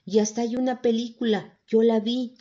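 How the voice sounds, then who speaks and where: A woman voicing a skeptical, know-it-all male fox student in a storybook, speaking slowly and doubtfully. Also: on the high side, level tone, mellow, lo-fi sound, lightly acted.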